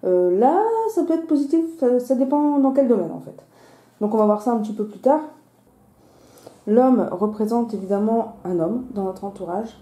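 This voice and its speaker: A woman's voice: fairly high pitch, expressive, normal speed, mellow. A woman with a slushy lisp on her s sounds, hosting a casual, explanatory card reading. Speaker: host of a weekly card-reading video. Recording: roomy, echoing sound.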